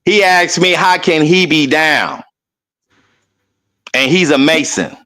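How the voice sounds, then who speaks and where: A man in casual conversation, telling a rambling story and mimicking other people loudly as he goes. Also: fairly high pitch, slow pace. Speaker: guest.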